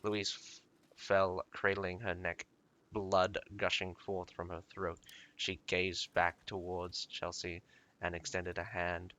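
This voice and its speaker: A man reading a game's lore aloud, breaking off often to comment in a halting, casual way with many fillers. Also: sits low, completely flat delivery, pushed and bright. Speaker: lore reader and streamer.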